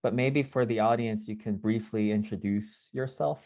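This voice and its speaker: A man born in Korea, interviewing a guest over a video call in a measured, conversational way. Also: lowish voice, fairly even intonation, mellow. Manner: measured, self-correcting, conversational.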